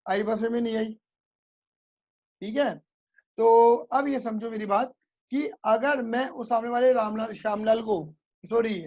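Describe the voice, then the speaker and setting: Male tutor with a high-pitched voice, playful classroom storyteller, checks understanding constantly. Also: a little mellow. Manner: playful, keeps asking if it is clear, makes sound effects. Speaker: teacher.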